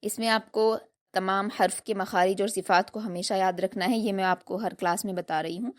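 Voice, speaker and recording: A woman teaches recitation rules to her students at an even middle pitch. She explains patiently, one step at a time, and slows down to drill each sound. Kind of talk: tajweed lesson.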